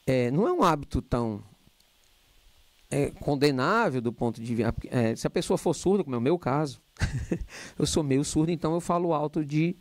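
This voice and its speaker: A middle-aged man giving a spiritist lecture to a live audience, talking loudly and animatedly with joking asides, into a handheld microphone. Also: on the high side, animated, moderate pace, no room sound.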